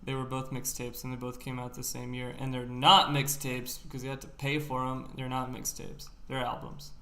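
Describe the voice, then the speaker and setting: A man's voice: mid-range voice, completely flat delivery, moderate pace, pushed and bright. A young man co-hosting a casual podcast chat, blunt and opinionated, arguing his points. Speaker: podcast co-host. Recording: echoey room.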